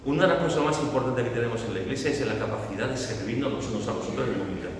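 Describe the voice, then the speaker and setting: Un predicador con acento andaluz da un sermón en tono de conversación, con humor y repeticiones enfáticas. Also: male voice, medium pitch, racing, a little hiss or hum. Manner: conversational, joking, builds to emphatic repetition. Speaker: preacher. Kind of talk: sermon. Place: church hall. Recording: echoey church hall, far from mic.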